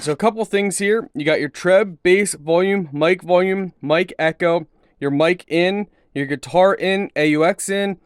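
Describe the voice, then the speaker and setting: With a smooth voice on the high side, a man casually unboxes and demonstrates a product, sounding easygoing and pleased. The voice itself is studio quality with no echo, yet noticeable background noise and handling clicks come through.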